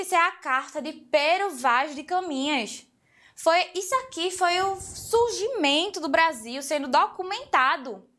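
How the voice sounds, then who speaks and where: A young woman from Recife with a Pernambuco accent, teaching an exam-prep lesson in a lively, chatty and playful way, talking straight to her viewers. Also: high voice. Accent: Pernambuco Portuguese. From Recife, Brazil.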